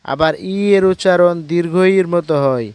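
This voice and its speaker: A man teaching English letter sounds in a slow scripted lesson, spelling each word letter by letter. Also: sits high, a little mellow, clear, resonant tone, dry recording.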